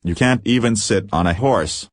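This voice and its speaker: A man reading the part of a sharp-tongued young woman, the landowner's daughter. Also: lowish voice, moderate pace, no room sound, studio quality, natural voice. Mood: mocking.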